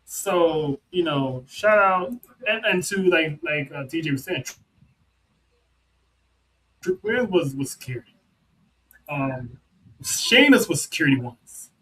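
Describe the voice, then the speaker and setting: Animated man in casual podcast chat. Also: on the high side, slow pace, pauses often, husky, low-quality recording. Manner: animated, repeats words, laughs. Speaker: podcast co-host. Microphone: remote call setup.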